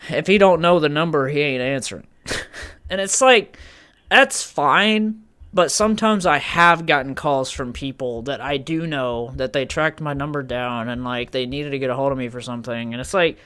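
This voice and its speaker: A man's voice: mid-range voice, normal speed, fairly bright tone, smooth. A young man co-hosting a podcast, telling a story in rambling casual chat with lots of restarts. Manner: rambling, full of fillers and restarts. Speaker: podcast co-host.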